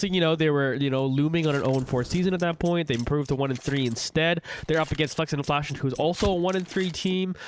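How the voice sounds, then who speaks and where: A young man with a cold gives casual play-by-play commentary as an esports shoutcaster on a livestream, his medium-pitched voice sounding stuffy. He chats and rambles, full of fillers and restarts, over slight background noise.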